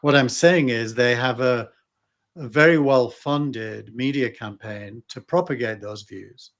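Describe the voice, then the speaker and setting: An older man in a loose, casual debate, pitched in the middle for a man. He hesitates often, filling pauses and restarting his sentences as he thinks aloud. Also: a bit bright. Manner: hesitant, many fillers and restarts. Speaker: podcast co-host.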